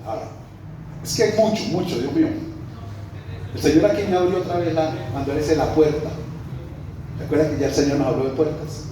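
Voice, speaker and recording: Man, pastor, Colombian accent, storytelling sermon, fairly high voice, very echoey hall. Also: steady tone, brisk, pauses often. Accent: Colombian Spanish. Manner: storytelling preacher, conversational, addresses the congregation as brother. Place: church hall. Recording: roomy echo, mic at a distance, faint background noise.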